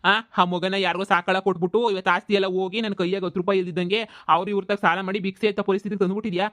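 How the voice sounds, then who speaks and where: A man's voice: sits high, little pitch movement, quick pace, no echo. A man voicing a furious village landlord. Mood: angry, threatening. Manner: shouting insults and threats. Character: angry middle-aged village landlord husband, bullying and foul-mouthed. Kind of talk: comedy cartoon voice acting.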